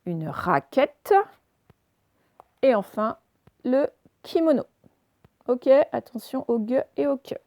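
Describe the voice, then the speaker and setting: A woman teacher records a reading lesson for young children, drawing each word out slowly and carefully as she sounds out syllables. Her voice sits a little high. The sound is dry and close, with no room echo. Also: warm tone. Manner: slow, careful, stretched-out word pronunciation; pauses the recording to let pupils work. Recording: self-recorded home lesson.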